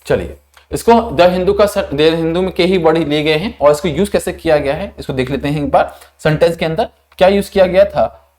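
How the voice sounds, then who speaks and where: A young Indian man teaches an online vocabulary class in a patient, explanatory way. He stretches words out slowly so students can copy his pronunciation, then checks in with them before moving on. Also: a little high, a little mellow. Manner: frequent check-ins like "thik hai".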